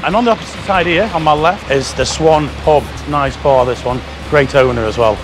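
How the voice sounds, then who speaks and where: With a slightly high voice and a somewhat quick pace, a man in his fifties walks a busy city street and chats casually for his vlog. Like a tour guide, he points out shops and bars as he goes. His worn or handheld action camera picks up street sound layered with background music.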